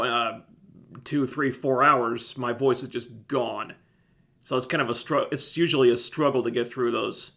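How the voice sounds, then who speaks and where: A man with a mid-range voice and a phlegmy, scratchy throat hosts a casual livestream reviewing TV shows. Chatting with viewers and answering them, he rambles in a relaxed way, repeatedly breaking off and starting again.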